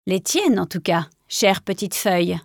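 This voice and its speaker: A woman's voice: moderate pace, no room sound, clean studio sound, natural voice. A woman voicing a stern, imposing male warrior cat in a storybook reading, brusque and commanding. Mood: silky. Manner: brusque, then silky and low.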